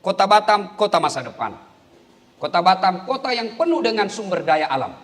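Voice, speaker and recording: A man preaching a humorous sermon with an Indonesian accent, swinging between loud, high exclamations and low, murmured prayers. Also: big pitch swings, normal speed.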